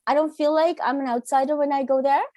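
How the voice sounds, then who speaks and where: A woman, a teacher chatting earnestly as a podcast guest, often pausing on "um". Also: high-pitched, fairly even intonation, no echo, clean studio sound. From Canada. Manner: warm, earnest, with frequent "um" fillers. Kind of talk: casual interview chat.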